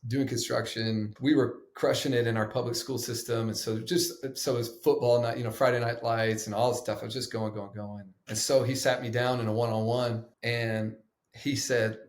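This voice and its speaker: A man, a pastor appearing as a podcast guest, telling a personal story in an animated, emphatic way. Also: mid-range voice, normal speed, echoey room. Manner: animated, emphatic, acts out quotes. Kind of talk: conversational storytelling.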